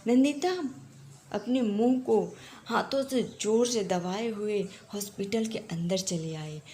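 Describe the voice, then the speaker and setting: A woman's voice: medium pitch, takes it slowly, warm tone, a little hiss or hum. A woman narrating a dramatic story with emotion, speaking the characters' lines herself.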